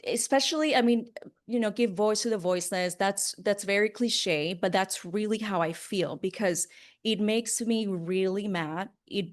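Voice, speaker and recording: Speaking at a normal pace in a mid-range voice, a woman journalist recounts personal stories during an interview. Her delivery is casual and earnest, with emphasis on key words.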